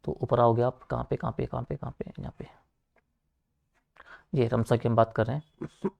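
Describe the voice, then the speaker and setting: Delivering an online lecture with informal remarks to his students, a young male coaching teacher from Uttarakhand, India, speaks rapidly in a gravelly, medium-pitched voice with fairly even intonation. The recording is muffled, and he leans on repeated fillers like "theek hai" and "aapka."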